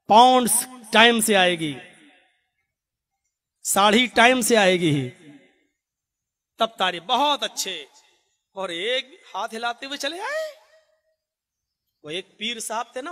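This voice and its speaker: High-voiced cleric preaching with humor. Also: male voice. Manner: animated storytelling, rising to shouts. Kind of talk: humorous sermon.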